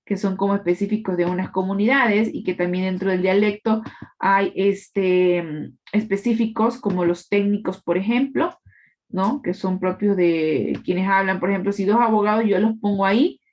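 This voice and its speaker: A woman's voice: mid-range voice, moderate pace, darkish tone. A woman teacher giving a live online class, explaining patiently and often checking in with her students. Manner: explanatory, checks in with tag questions.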